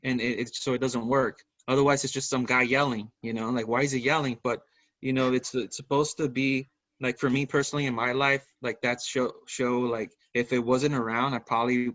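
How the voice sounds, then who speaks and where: A man hosting a podcast, telling stories in a lively, casual way and swearing freely. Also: mid-range voice, a little fast, no room sound, muffled recording. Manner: animated storyteller, swears freely. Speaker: podcast host. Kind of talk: casual chat.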